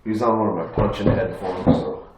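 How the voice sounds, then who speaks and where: A man with a stuffed-up cold, casually showing off his collection in a home vlog, talking in a relaxed way with lots of ums and uhs. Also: low voice, normal speed, background noise. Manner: relaxed, hesitant, many fillers. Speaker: mask collector. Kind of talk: casual show-and-tell vlog. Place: small bathroom at home. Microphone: phone camera. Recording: echoey small room.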